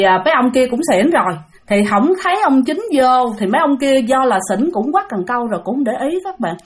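Woman, Southern Vietnamese accent, casual ghost storyteller, slightly high voice, chatty. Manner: chatty, addresses listeners directly, many fillers.

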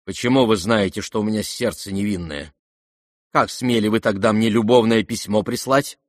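A man's voice: fairly low pitch, normal speed, no room sound, studio quality, natural voice. A man reading aloud and voicing a proud, irritable young noblewoman who speaks sharply and indignantly. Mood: embarrassed.

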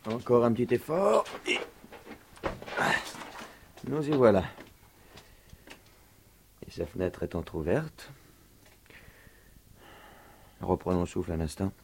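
A dashing, cocky gentleman thief speaks in a lowish voice with suave, theatrical banter. It is 1950s radio drama, with faint noise on the vintage recording. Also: big pitch swings, takes it slowly, long pauses, exaggerated voice. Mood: jaunty, boastful. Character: dashing, gallant young male thief, cocky and witty.

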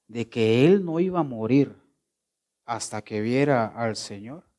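A male preacher leads a devotional sermon at a mid-range pitch. He keeps asking the listener questions and then answers them himself. His delivery swings between loud exclamations and low, hushed phrases.

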